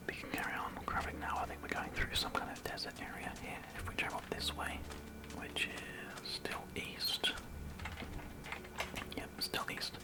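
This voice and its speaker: British guy doing asmr game commentary, all breathy whispers, repeats phrases softly. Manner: soft, slow repetition of phrases. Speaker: gaming video host.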